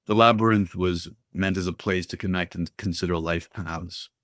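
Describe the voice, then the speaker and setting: A man reading a first-person story aloud in a steady, even manner. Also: sits low, moderate pace, no room sound, clean studio sound. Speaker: audiobook reader. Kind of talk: scripted first-person narration.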